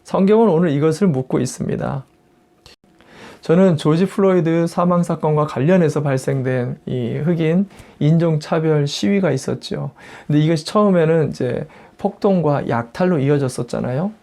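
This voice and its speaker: Male pastor, sermon, emphatic, mellow voice, slightly high pitch. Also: moderate pace, vocal fry. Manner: emphatic preaching that acts out quoted prayers and family voices. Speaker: senior pastor. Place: church in the United States.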